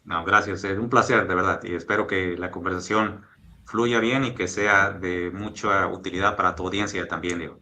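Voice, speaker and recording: A man from Mexico in his fifties, a guest executive speaking in a measured, thoughtful interview style with frequent fillers and restarts. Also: sits low, fairly even intonation, sharp tone. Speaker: guest, oil and gas executive. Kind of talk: relaxed interview conversation.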